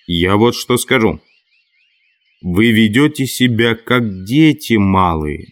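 A man voicing an earnest, chubby boy who shouts shrilly and pleads indignantly for reason. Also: on the low side, expressive, takes it slowly. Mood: indignant pleading.

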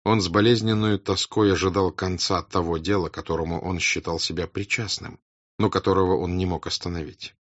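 A man narrating a classic novel as an audiobook in a measured, grave, deliberate reading style. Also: sits low, no echo. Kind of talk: scripted literary narration. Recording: dry, dull lo-fi recording.

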